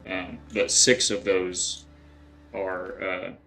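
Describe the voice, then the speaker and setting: Drawing out his words in a low voice with little pitch movement, a middle-aged man from West Texas plays a game and chats with viewers. He rambles, thinks out loud, and restarts often amid many fillers; the tone is pushed and bright, with slight background noise.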